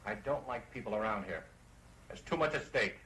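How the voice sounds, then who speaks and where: A low-voiced, suspicious plotter. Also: male voice, animated, moderate pace, pushed and bright. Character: wary, suspicious male conspirator. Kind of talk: old B-movie horror film acting. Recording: echoey old film soundtrack, faint noise.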